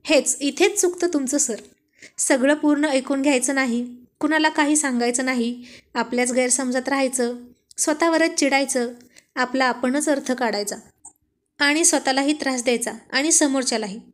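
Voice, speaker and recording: A woman's voice: high voice, normal speed, lightly acted. A woman voicing a cheeky young male assistant. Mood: amused. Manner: playful, teasing. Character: young man, cheeky loyal assistant who teases his boss.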